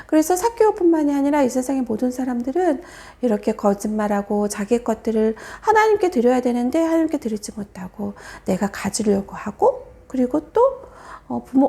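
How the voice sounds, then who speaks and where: A woman telling a Bible story to children as a sermon, animated, often dropping to a soft whisper for emphasis. Her voice is high and mellow, and her pitch swings widely. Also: creaky. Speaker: children's Sunday school preacher.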